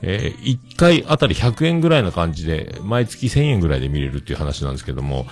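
A man in his forties hosting a casual solo podcast, rambling and self-deprecating, with many drawn-out fillers. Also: low voice, sing-song, darkish tone. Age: 40s. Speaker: podcast host.

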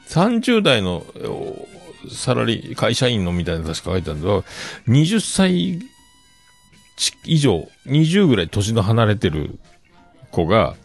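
A man's voice: lowish voice, huge pitch swings, measured pace, creaky, faint music behind. A middle-aged man hosting a solo podcast, rambling casually and trailing off into mumbled asides.

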